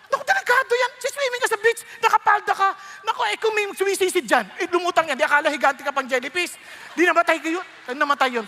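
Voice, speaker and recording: A Filipino-accented male pastor delivers a sermon with a high, bright voice. He tells stories in a lively, humorous way. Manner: animated, humorous storytelling.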